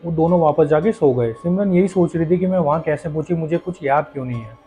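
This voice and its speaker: A man's voice: on the high side, quick pace, dark tone, lo-fi sound. A man narrating a horror story in a casual, conversational, suspense-building way. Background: faint background music.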